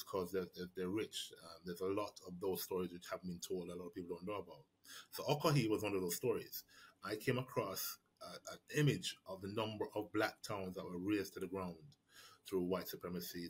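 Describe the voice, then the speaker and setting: Over a video call with poor audio, a deep, slightly rough-voiced Jamaican man reflects on his writing. He's a prize-winning author speaking from a small room into a webcam or laptop mic, and he often restarts his sentences and repeats words.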